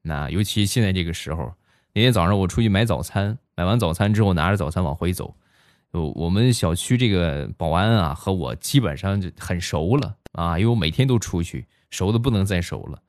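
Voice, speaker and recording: A man's voice: low-pitched, animated, brisk, no echo. A man, telling comic stories on a podcast in a chatty, playful way. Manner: chatty and playful, heavy erhua. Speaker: comedy podcast host. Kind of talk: comic storytelling.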